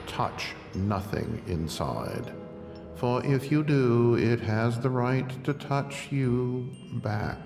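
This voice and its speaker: Sinister theatrical horror host: formal, menacing, mid-pitched, echoing. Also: male voice, darkish tone. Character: sinister, theatrical haunted-house master of ceremonies. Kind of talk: scripted horror attraction introduction. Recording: echoey long reverb.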